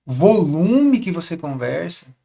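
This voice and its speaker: A man's voice: a little high, big pitch swings, slow, vocal fry, warm tone. A man, coaching couples on communication in a casual, conversational teaching monologue full of rhetorical questions. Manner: conversational, repeats words, asks rhetorical questions. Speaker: relationship coach.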